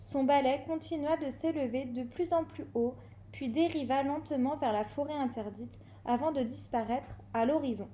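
A woman with a high voice reads a children's novel aloud, lively and expressive. Now and then she trips over a word or a name and goes back to correct herself. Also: moderate pace, slight background noise. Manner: expressive, with occasional slips and self-corrections. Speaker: reader.

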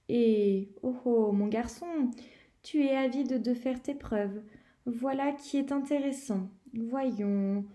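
An old talking magic hat ponders aloud in a fairly high voice, slow and deliberate as it weighs things up, as a woman reading the storybook puts it on. The hat muses over each word without hurrying. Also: mellow, natural voice.

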